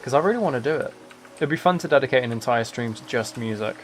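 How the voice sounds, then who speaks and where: Expressive and quick, this mid-range male voice belongs to a streamer hosting a live game session. He rambles casually and comments on himself with mild irony as music plays underneath.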